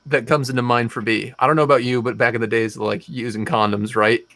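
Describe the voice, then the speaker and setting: A man's voice: medium pitch, fairly even intonation, fast talker, a bit bright. A man hosting a live stream, talking in a wry, profane, think-aloud way. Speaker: stream host. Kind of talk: casual chat.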